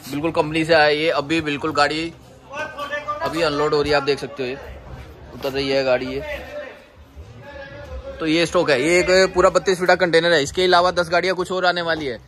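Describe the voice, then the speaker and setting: A man in his thirties from India talks straight to his phone camera while he tours a busy warehouse yard. His voice sits a little high for a man, and his delivery is a quick, friendly sales pitch that keeps calling out to the viewers. It has the loose, on-the-move sound of a handheld selfie video. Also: steady tone, a bit bright. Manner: brisk salesman pitch, addresses viewers as guys. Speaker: wholesale electronics seller, vlog host. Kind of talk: casual walk-through sales vlog. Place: large warehouse and loading yard, partly outdoors.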